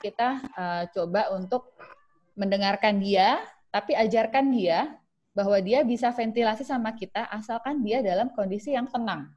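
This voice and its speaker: A woman's voice: mid-range voice, darkish tone. A woman speaking as a psychiatrist in an online webinar talk, acting out short dialogues between parent and child as examples. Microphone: video call. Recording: lo-fi video call audio.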